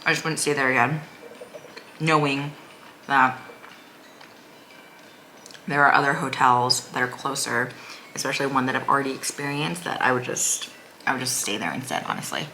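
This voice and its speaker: A woman's voice: a bass voice, normal speed, long pauses, pushed and bright, slight background noise, poor audio. A woman vlogger giving a casual, chatty recap in a rambling, informal way full of "like". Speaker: vlogger, mother of a young child.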